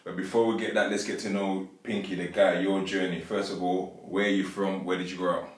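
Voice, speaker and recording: This podcast host has a low, flat voice and talks a little fast, asking his guest easygoing questions in a casual interview. The room is echoey and the mic sits at a distance.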